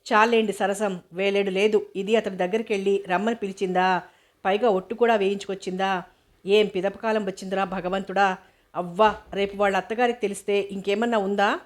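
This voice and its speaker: A woman's voice: medium pitch, fairly even intonation, a little fast, close to an everyday voice. Woman reading as a fretful scolding mother. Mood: irritated. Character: stern worried middle-aged mother.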